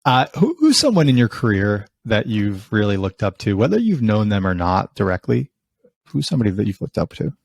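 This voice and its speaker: A man's voice: on the low side, big pitch swings, a little fast, gravelly, breathy edge. A man hosting a podcast interview, asking questions eagerly and often restarting his words. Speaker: podcast host. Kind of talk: conversational interview.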